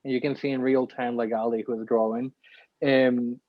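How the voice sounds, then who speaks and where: A man's voice: medium pitch, little pitch movement, normal speed, no room sound. Man demoing a tool over a video call. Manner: explains step by step with frequent ums. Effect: heard over a video call. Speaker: workshop presenter. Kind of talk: screen-share tutorial walkthrough. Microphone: computer mic on a video call. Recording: dull, dry video-call audio.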